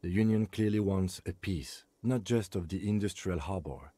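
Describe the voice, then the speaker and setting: A composed police lieutenant from a video game, who speaks in a measured, precise way and lets his sarcasm show only through a deadpan tone. His voice is low and a little husky, and it is recorded close and dry. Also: no echo. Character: calm, dry-witted male police lieutenant.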